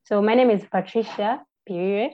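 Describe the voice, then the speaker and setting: Ugandan woman, twenties, chatty podcast guest, a bit muffled. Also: medium pitch. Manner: friendly, halting, with restarts and fillers. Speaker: podcast guest, birding tour guide. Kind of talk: casual interview answers. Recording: slightly muffled lo-fi audio.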